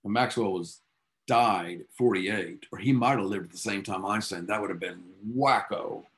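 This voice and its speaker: A man with a lowish, fairly bright voice speaks at a moderate pace while teaching physics. His classroom lecture tells the story behind the science in an enthusiastic, casual manner, with offhand asides to the class.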